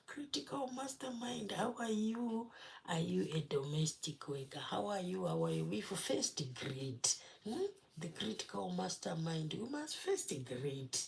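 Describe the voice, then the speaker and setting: A woman's voice: lowish voice, lively intonation, unhurried, gravelly. A young woman hosting a casual live stream, chatting with viewers, greeting them by name and laughing often. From Zimbabwe. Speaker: livestream host.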